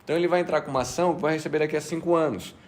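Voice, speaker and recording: Slightly hoarse man explaining. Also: a little high, steady tone. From Bahia, Brazil. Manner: measured, explains step by step. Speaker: guest, fintech manager. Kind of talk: explanatory podcast chat.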